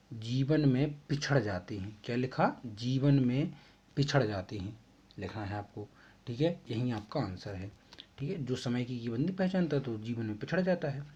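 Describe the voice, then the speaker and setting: Husky-voiced man teaching a lesson. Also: mid-range voice, mellow. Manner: explains step by step, repeats answers. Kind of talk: casual exam-prep lesson. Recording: dull lo-fi recording.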